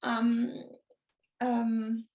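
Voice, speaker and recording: A woman from France with a French accent, speaking English as a guest in a casual interview, talking slowly with many pauses and soft laughs. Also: a little high, completely flat delivery, dull audio. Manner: slow, halting, many ums, soft laughs. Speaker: guest artist. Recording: echoey room.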